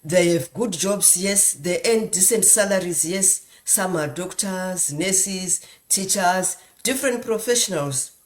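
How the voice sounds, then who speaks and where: A Zimbabwean woman, a nurse and business mentor, gives an earnest motivational talk as a guest speaker on a group call. Her voice is on the low side and slow, with few pauses, and she poses rhetorical questions and stresses lists of points.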